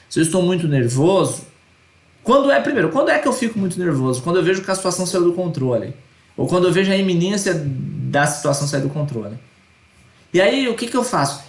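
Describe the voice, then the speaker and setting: A man's voice: high-pitched, reverberant. A man teaching an online course lecture, earnest and repeating his points with tag questions.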